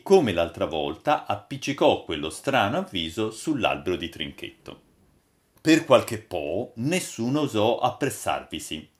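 A man reads a classic sea adventure as an audiobook. His voice sits low, yet his pitch rises and falls with lively expression. He keeps a measured storyteller's pace. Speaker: audiobook narrator. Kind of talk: scripted literary narration.

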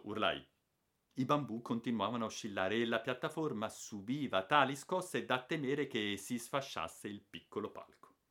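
A man reading an adventure novel aloud as an expressive, dramatic audiobook narration. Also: mid-range voice.

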